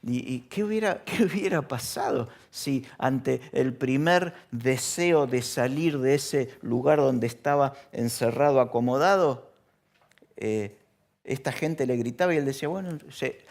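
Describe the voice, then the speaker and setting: A man with a Rioplatense Spanish accent preaching a sermon in a church, talking casually, asking the congregation questions and acting out shouted lines. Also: medium pitch, a little slow, vocal fry. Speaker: pastor.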